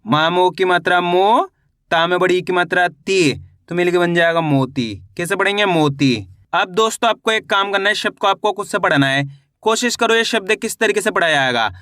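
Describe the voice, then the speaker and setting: Man, reading teacher, high and bright voice, dry close sound, sounds out syllables slowly and deliberately. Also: no echo. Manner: slow and deliberate, sounding out syllables then repeating each word. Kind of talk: spelled-out reading lesson.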